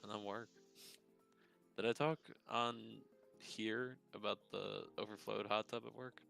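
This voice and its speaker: A man's voice: fairly low pitch, fairly even intonation, measured pace, creaky, pushed and bright, soft background music. A young man co-hosting a podcast, telling a work story in a casual, rambling way and laughing at himself. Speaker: podcast co-host.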